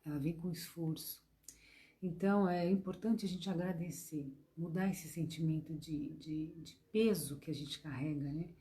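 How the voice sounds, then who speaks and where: Speaking in a deep, hoarse voice at a moderate pace, a Brazilian woman leads an online class through a devotional spiritist lesson. Her delivery is gentle and repetitive, and she addresses the students warmly as "gente" and "meus amores", with her Brazilian Portuguese accent clear throughout.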